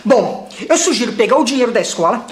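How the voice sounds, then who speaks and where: A woman's voice: on the high side, lively intonation, fast, echoey room, close to an everyday voice. A woman playing an exasperated father fed up with his son's online schooling, ranting in a comic sketch. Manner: ranting comic complaint, mock outrage. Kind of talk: comedic sketch video.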